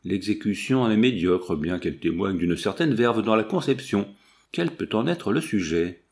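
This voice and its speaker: A man reading the part of a cautious lawyer who questions in a measured, dry way. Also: fairly low pitch, animated. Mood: puzzled. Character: cautious male lawyer, calm and puzzled.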